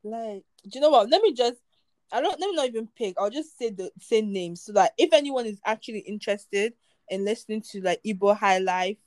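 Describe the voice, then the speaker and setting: A female podcast co-host in a dry, close recording touched by speech. She chats informally and with enthusiasm, at a medium pitch. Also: expressive, brisk, darkish tone, dry recording. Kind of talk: casual chat.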